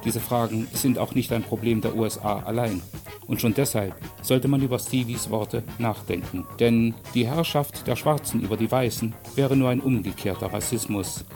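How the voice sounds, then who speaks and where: A man reading a story aloud and then giving measured, earnest commentary as a radio presenter. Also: mid-range voice, over music.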